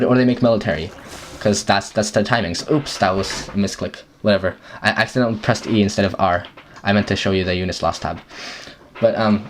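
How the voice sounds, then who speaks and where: A man's voice: fairly low pitch, slight background noise. A young man giving casual commentary over his own gameplay, stumbling and restarting often with many fillers.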